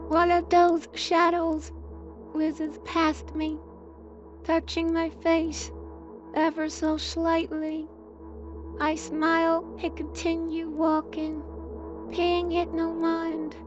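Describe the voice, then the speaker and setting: A woman's voice: extremely high pitch, monotone, slow, dull audio, over music. A woman playing a horror game, her voice run through a robotic auto-tune filter, commenting and reading the game's text aloud in a sing-song way.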